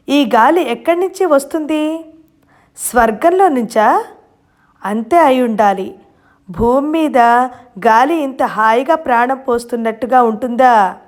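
A woman narrating a novel aloud in a gentle storytelling manner. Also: fairly high pitch. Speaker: audiobook narrator.

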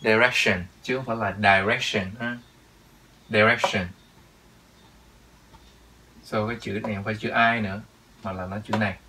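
A man's voice: lowish voice, steady tone, normal speed, long pauses, bright, forceful tone, slight background noise. A man teaching English pronunciation in Vietnamese, repeating each word with emphasis. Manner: drills words, repeats them with emphasis. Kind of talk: pronunciation lesson.

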